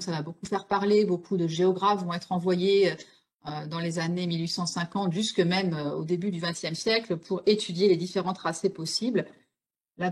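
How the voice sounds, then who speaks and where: A woman giving an online illustrated history talk, explaining step by step with frequent fillers and self-corrections. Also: lowish voice. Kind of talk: spontaneous illustrated lecture.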